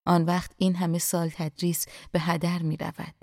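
A woman voicing a kind older male scholar who speaks softly and with measured affection in an audiobook reading. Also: fairly high pitch, level tone, creaky, no room sound, clean studio sound. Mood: calm.

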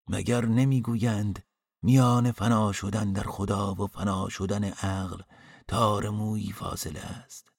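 A man narrating a first-person story in a calm, measured storytelling voice as an audiobook narrator. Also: sits low, creaky, breathy edge, dry recording, studio quality.

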